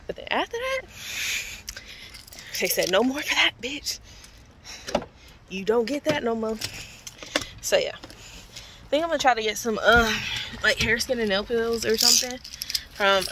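A woman's voice: on the high side, very noisy. Chatty slangy woman vlogging. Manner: chatty, slangy, swears casually. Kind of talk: casual vlog chat. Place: home and car. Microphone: phone camera.

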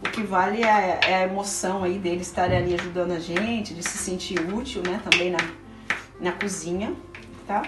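A middle-aged woman with a lowish, steady voice speaks at normal speed, a chatty, patient cooking show host coaxing and encouraging her niece or nephew during a casual home cooking demo while explaining steps to viewers. The setting is a small indoor home kitchen. A helper holds the camera a few feet away, so the recording is roomy and distant, with background music.

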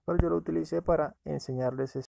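A man's voice: a little high, fairly even intonation, fast, creaky, mellow, no room sound. A man casually narrating a screen-recorded app walkthrough, talking to viewers as friends. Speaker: app reviewer.

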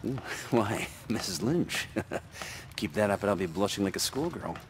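An actor playing a troubled man searching dark woods, who talks haltingly and stammers with nervous laughs. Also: on the low side, expressive, noisy background, lightly acted. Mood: wry. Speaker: game protagonist. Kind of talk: video game voice acting.

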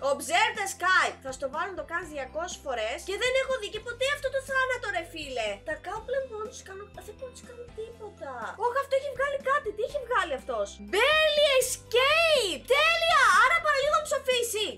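A young woman giving excitable, playful and foul-mouthed commentary while playing a video game. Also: extremely high pitch. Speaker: gaming YouTuber. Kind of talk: casual gameplay commentary.

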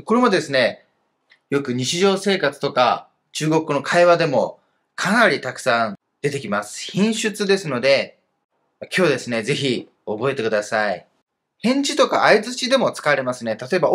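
A man's voice: medium pitch, a bit bright, slightly rough. A man teaching a Chinese grammar lesson in Japanese, explaining patiently with fillers.

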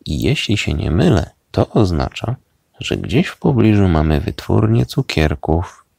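A man's voice: low-pitched, sing-song, a little slow, vocal fry, darkish tone, slightly rough, no echo, studio quality, full character voice. A man reading a storybook aloud and voicing a confident young man who leads and commands his team. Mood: commanding.

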